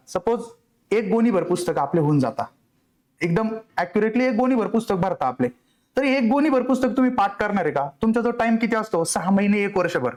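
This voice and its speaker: A man's voice: sits high, darkish tone. A young man, giving an earnest, conversational motivational talk to exam students and asking them rhetorical questions. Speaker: exam coaching mentor.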